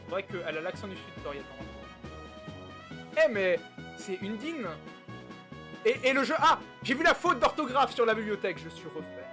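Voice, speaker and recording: A man's voice: sits high, very animated, normal speed, long pauses, music in the background. A man playing a video game, reading its text aloud with crude, joking, muttered asides. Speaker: let's play host. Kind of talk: casual game commentary and reading.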